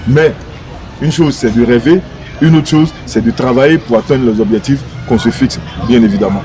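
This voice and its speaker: A man, a football coach giving a measured, reasoned opinion in a debate. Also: mid-range voice. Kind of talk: debate commentary.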